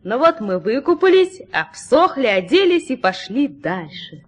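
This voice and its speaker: Female narrator, slightly high, husky voice, animated storybook reading. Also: measured pace.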